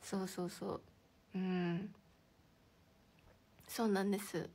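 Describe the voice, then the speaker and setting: A woman's voice: medium pitch, little pitch movement, slow, a little mellow, breathy edge. A young woman hosting a casual livestream from indoors, chatting and giggling as she reacts to viewer comments. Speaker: idol livestream host.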